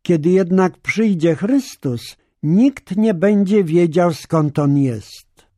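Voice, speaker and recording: A man's voice: high voice, lively intonation, slow pace, mellow, no echo, studio quality, exaggerated voice. A man reading the lines of curious townspeople who wonder aloud, in a questioning scripture reading.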